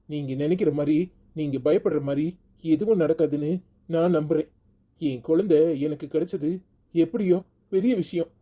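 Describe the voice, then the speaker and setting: A man's voice: on the high side, warm tone, close to an everyday voice. An actor playing a protective father in a family drama, speaking firmly and emphatically. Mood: reassuring. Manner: firm, emphatic delivery. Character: protective young father, stern then gentle. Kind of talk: TV serial acting.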